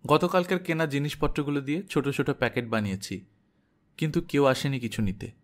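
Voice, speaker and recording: A man narrating an audiobook in a measured first-person diary reading. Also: mid-range voice.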